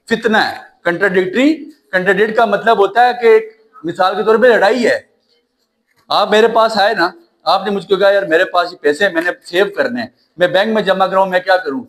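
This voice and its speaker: Man, high voice, grammar lecture, checks understanding often. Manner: repeats checks like "right?", calls students "child", spells slowly. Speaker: English grammar teacher. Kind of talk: classroom lecture.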